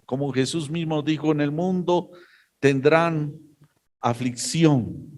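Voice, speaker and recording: Slow, halting male preacher. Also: on the high side, darkish tone. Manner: slow, halting delivery with many pauses and fillers. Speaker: pastor. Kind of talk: sermon.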